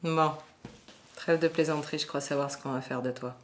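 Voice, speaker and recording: A woman's voice: low voice, steady tone, a little fast, natural voice. A woman playing a pragmatic, sceptical mother hunted by machines in a film parody, talking in a casual, matter-of-fact way. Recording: roomy, some background noise.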